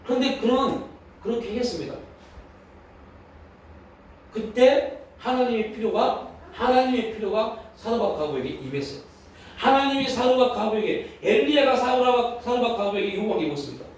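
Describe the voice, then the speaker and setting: A man's voice: very high voice, lively intonation, moderate pace. A male pastor preaching at a prayer meeting, asking the congregation rhetorical questions. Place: church hall. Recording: echoey hall from a distant mic.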